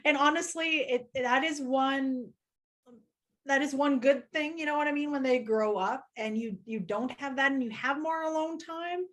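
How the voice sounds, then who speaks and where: A middle-aged woman in casual chat, agreeable and quick to laugh, with grown children. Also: sits high, a bit bright. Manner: chatty, agreeable, laughs often. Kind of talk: casual chat among friends.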